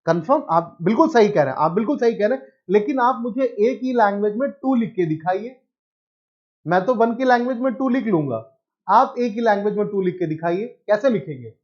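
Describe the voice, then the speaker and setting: A man's voice: high-pitched, lively intonation, a little fast, a little mellow, muffled recording. A male teacher giving an online exam-prep lesson, asking questions and answering them himself, mixing English phrases into his explanation.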